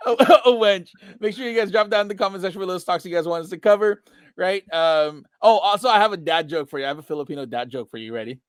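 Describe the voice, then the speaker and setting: A man's voice: fairly high pitch, clear, resonant tone, no room sound, clean studio sound. A man hosting a casual trading podcast, joking and laughing often as he chats with his co-host. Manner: laughs a lot, quick joking delivery. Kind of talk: casual banter on a trading show.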